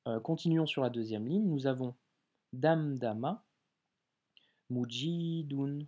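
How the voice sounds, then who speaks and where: Male tutor, mellow voice, chatty and informal, slows down on sample words. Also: medium pitch, dull audio. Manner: informal, addresses viewer as tu, drawn-out example words. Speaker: Arabic reading teacher. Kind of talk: casual video lesson.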